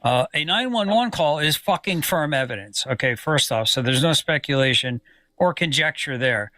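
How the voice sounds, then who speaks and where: A man's voice: fairly high pitch, animated, moderate pace, sharp tone, dry recording. A man in a heated online argument, angry, profane and hurling insults. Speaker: online commentator in a debate.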